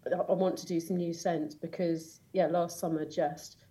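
A woman's voice: lowish voice, steady tone, normal speed, warm tone, poor audio. Woman guest, enthusiastic and giggly, rambling casual chat. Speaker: podcast guest.

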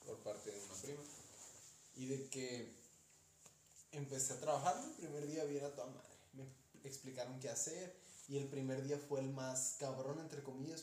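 A man's voice: mid-range voice, darkish tone. A young man from Mexico co-hosting a podcast, telling stories in slangy casual chat and acting out the people he quotes. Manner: slangy storytelling, acts out quoted voices. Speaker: podcast co-host. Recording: echoey room with faint noise.

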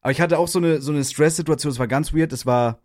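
A young co-host in casual chat, rattling off quick slang reactions. His voice sits at a middling pitch, and the recording is dry and close. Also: a little mellow, no echo. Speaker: podcast co-host.

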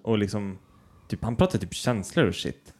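A man's voice: fairly low pitch, sing-song, a little mellow. A man co-hosting a podcast in casual chat, often laughing and swearing as he tells stories about his children. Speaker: podcast co-host.

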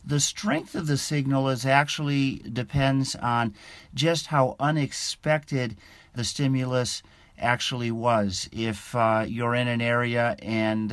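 A man gives explanatory interview answers as a science correspondent. His pitch is average and his delivery is halting and measured. The sound is close and dry. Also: no echo.

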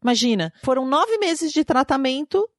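A woman's voice: sits high, very animated, normal speed, dry recording, clean studio sound. Reflective Brazilian woman telling her story. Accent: Brazilian Portuguese. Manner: emotional, reflective storytelling with many tag questions. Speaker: interviewee. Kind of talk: personal story in an interview.

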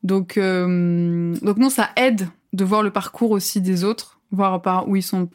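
A woman's voice: medium pitch, fairly even intonation, measured pace, darkish tone. A woman in her twenties, a podcast guest, talking casually with many fillers and frequent laughs. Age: 20s. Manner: chatty, lots of fillers, laughs often. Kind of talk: casual chat.

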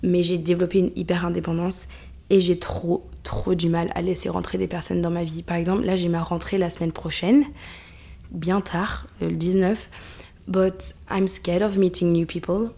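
A woman's voice: fairly low pitch, flat delivery, moderate pace, creaky, mellow. A woman in her twenties hosting a podcast from her apartment, chatting casually and reflectively, slipping between French and English. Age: 20s. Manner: switching between French and English mid-sentence; reflective, confiding. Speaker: podcast host. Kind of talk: casual chat.

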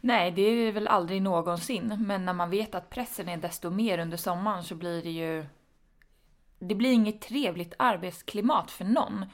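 A woman with a Stockholm accent chatting casually as a podcast co-host, blunt and teasing in an informal way. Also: mid-range voice. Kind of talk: casual chat.

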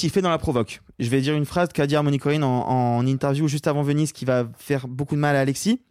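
A man's voice: a little high, a little mellow, no echo, clean studio sound. A young man, a film critic on a podcast panel, telling a story in a chatty, jokey way. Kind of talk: casual film chat.

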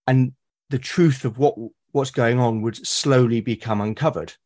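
A British man appears as a podcast guest, chatting casually about solo roleplaying. His medium-pitched, darkish voice is unhurried, and he talks thoughtfully and at length, often circling back to rephrase his meaning.

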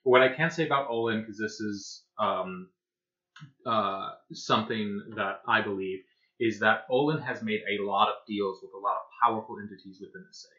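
A man's voice: on the low side, normal speed, pushed and bright, dull audio. A man who hosts and voices a podcast, answering questions in a rambling, filler-heavy casual way. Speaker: podcast creator and voice actor. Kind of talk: casual panel chat.

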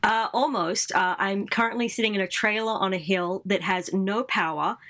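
Bright-voiced woman calling in from a laptop. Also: medium pitch, moderate pace. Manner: hesitant, many ums. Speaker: guest, actress. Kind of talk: casual chat. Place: dark trailer on a ranch.

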